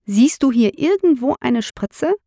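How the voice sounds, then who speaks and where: Woman reading a calm reasoning man. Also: high-pitched, unhurried, no echo, clean studio sound, pitched above the performer's own voice, full character voice. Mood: thoughtful. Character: thoughtful male friend of the detective.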